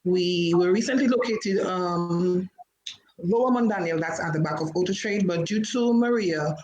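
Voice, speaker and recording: A woman's voice: fairly low pitch, moderate pace, a little mellow. A woman who owns a preschool and is a parent, speaking earnestly as a radio guest and repeating phrases for emphasis. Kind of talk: radio interview. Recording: echoey room, faint background noise.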